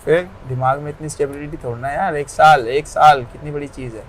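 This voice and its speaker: A man's voice: a little high, fairly even intonation, fairly quick, a little hiss or hum. A man, a yoga practitioner, talking emphatically in a casual interview, often repeating himself and asking rhetorical questions.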